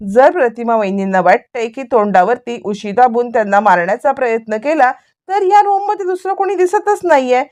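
A woman's voice: on the high side, animated, brisk, a little mellow, lightly acted. A woman voicing a cautious sister-in-law who reasons hesitantly, point by point.

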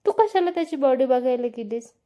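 A woman voicing a young husband who is sulky and jealous, asking needling questions in a mellow voice. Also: high voice, lively intonation, brisk.

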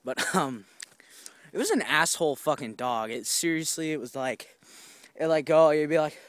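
Holding his phone as he walks through the woods, a young man tells a rambling, profane walk-and-talk story packed with fillers and restarts. He speaks at a normal speed in a fairly high voice with lively intonation, and there's no room sound.

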